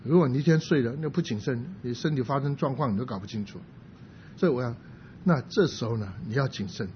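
A man preaching a sermon, his voice sitting at an ordinary middle pitch. He works through his points with rhetorical questions and now and then slips in an English word. The recording sounds muffled and lo-fi, with a faint low rumble underneath. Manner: explains by asking rhetorical questions; drops in English words.

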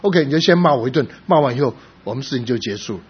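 A middle-aged man preaching a sermon as a pastor, telling a personal story with rising emphasis and sudden soft drops. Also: medium pitch, animated, rapid-fire, slightly rough. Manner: emotional storytelling, rising to loud emphasis then dropping soft. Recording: slightly dull recording with faint background noise.

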